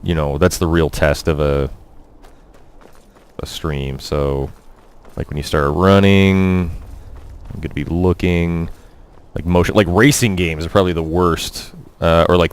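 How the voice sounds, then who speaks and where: A young man doing casual, halting, sardonic commentary as he live-streams a video game. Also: low voice, fairly even intonation, smooth. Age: young adult.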